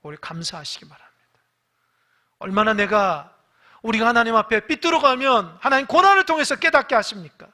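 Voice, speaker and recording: A male pastor preaching a sermon in a church. He asks the congregation direct questions and swings between loud, emphatic rises and hushed asides. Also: extremely high pitch, animated, brisk. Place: church sanctuary.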